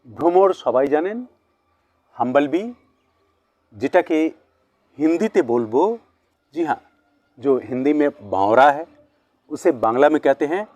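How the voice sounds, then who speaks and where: A man teaching word lists at a board, switching between two languages and slowly repeating each word's pronunciation. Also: medium pitch, darkish tone, no room sound. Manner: slow, repeated pronunciation of words. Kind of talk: bilingual vocabulary lesson at a board.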